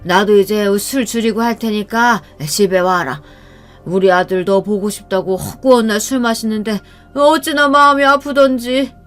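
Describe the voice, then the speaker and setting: A woman's voice: mid-range voice, normal speed, natural voice. A woman voicing a drunk, belligerent older father-in-law who scolds and slurs, over faint music. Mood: maudlin. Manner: slurring, scolding, shouting.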